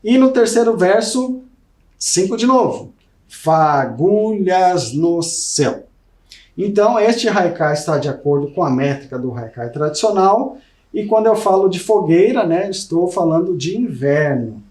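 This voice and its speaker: Brazilian guy teaching a video class, kinda high voice, roomy echo, keeps asking the kids "right?". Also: animated, moderate pace, darkish tone. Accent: Brazilian Portuguese. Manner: explanatory, addresses students directly with frequent "né?". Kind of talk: recorded video lesson.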